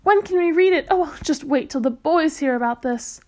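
A woman's voice: sits high, moderate pace, darkish tone, pitched above the performer's own voice. A woman doing a gushing, flustered mum. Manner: breathless, gushing. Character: excitable flustered mother of a boy.

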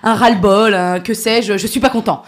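A woman delivering a comic rant column on a talk show, exasperated and swearing as she vents. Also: mid-range voice. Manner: fast, exasperated, swearing, animated. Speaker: comedy columnist. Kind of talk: ranting comic chronicle.

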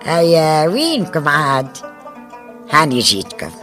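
A woman's voice: low voice, huge pitch swings, a little slow, over loud music, full character voice. An actress playing a folksy Tunisian grandmother telling Arabic folk tales to children in chatty, colloquial, dramatic narration. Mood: chatty, inviting. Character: folksy grandmother storyteller, Mama Rafia, addressing children. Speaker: storyteller.

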